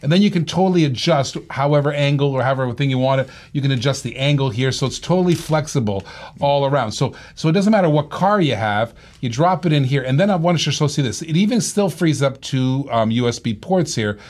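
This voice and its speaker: A man hosting a talk show, pitching gadgets as an animated salesman who keeps repeating phrases and prices. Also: fairly quick. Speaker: host.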